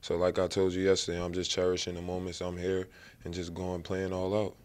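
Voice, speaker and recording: A young man, a college basketball player, giving a relaxed post-game interview and filling nearly every phrase with "you know". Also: low-pitched, fairly quick. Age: young adult. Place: press backdrop at an arena. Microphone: handheld mic held by interviewer.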